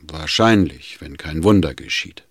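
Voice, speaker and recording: A man voices a cool, taciturn older doctor who answers in short, matter-of-fact phrases. His voice sits low and deep. The recording is dry and close. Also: expressive, unhurried, dry recording, heavily acted. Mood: terse.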